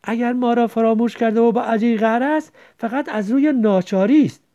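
A woman voicing an earnest teenage village boy who gently comforts his sister, in a read-aloud story. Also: on the high side, natural voice. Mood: bitter. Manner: gentle, soothing, then bitter.

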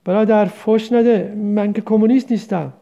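A man's voice: high voice, fairly even intonation, vocal fry, warm tone, lo-fi sound. A man voicing a beaten young male prisoner who pleads his innocence, in a storybook reading. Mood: pleading.

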